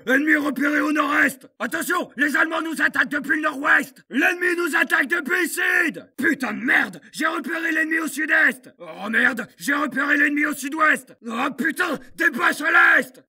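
An actor playing a frantic, foul-mouthed French Resistance fighter, yelling urgent combat barks for a video game. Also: male voice, extremely high pitch, recorded from a distance, heavily acted.

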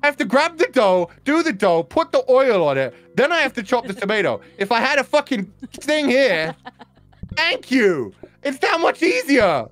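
A man's voice: very high-pitched, big pitch swings, moderate pace, a bit bright. A man streaming a game, chatting casually and teasing his co-player, swearing a lot and laughing often. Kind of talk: casual gaming chat. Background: game music.

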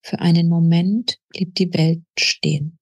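Author lady reading her book out loud, low husky voice, steady. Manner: steady, measured narration. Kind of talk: reading aloud from her novel.

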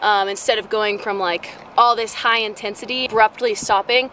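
A woman's voice: medium pitch, fairly even intonation, normal speed, pushed and bright. Young woman explaining casually, noisy outdoors. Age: young adult. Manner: seated, informal explaining. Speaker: running vlogger. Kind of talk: casual explanatory vlog chat. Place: outdoors, sitting by desert shrubs. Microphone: camera a short distance in front.

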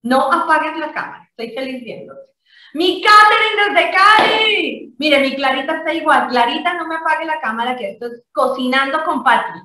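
A Colombian woman hosting a live video call, greeting her audience warmly and effusively, laughing often. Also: high voice, brisk, hardly any pauses. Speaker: network marketing presenter. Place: home living room. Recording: echoey, from a distance.

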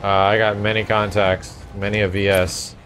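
A man hosting a gaming channel, bantering and swearing excitedly while playing co-op and thanking viewers. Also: lowish voice, normal speed. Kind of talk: co-op gameplay commentary. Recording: voice over loud game music. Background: game music.

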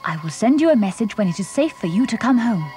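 A woman's voice: a little high, very animated, fast talker, dark tone, faint music behind. Woman as protective mother, urgent, instructing, storybook voice.

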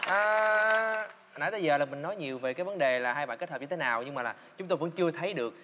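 A man's voice: a little high, fast talker, sharp tone, big-room sound, a faint crowd. A man co-hosting a studio talk show, joking and teasing the guests through a food challenge. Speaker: co-host of a startup TV talk show. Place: TV studio with live audience.

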